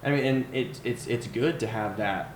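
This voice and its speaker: A man hosting a casual podcast interview, restarting his sentences often and quick to agree. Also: mid-range voice. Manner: stammering restarts, quick affirmations. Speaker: podcast host. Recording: roomy, with clear noise.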